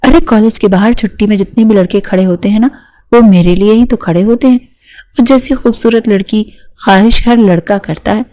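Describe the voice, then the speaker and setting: A woman's voice: mid-range voice, warm tone, lightly acted. A woman voicing a sly, self-pitying teenage girl. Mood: pleading. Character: scheming, dramatic orphan girl, under eighteen.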